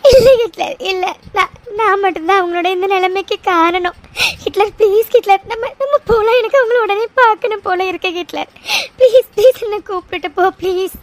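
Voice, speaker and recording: A young cartoon heroine, tearful and guilt-ridden, voiced by a performer. Her voice sits extremely high and thin. She stammers and pleads, and keeps blaming herself. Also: fairly quick, fairly bright tone. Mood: tearful pleading. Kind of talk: cartoon voice acting.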